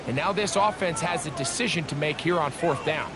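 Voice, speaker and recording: A man's voice: on the high side, fairly quick, over a noisy crowd, heavy background noise, close to an everyday voice. A man giving conversational, emphatic analysis as a football color commentator.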